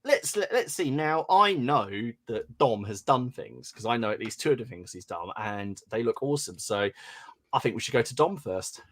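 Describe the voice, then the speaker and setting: A man's voice: medium pitch, expressive, normal speed. A man co-hosting a podcast, chatting casually, laughing and breaking off his own sentences. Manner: chatty, laughing, self-interrupting. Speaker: podcast co-host. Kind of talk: casual chat.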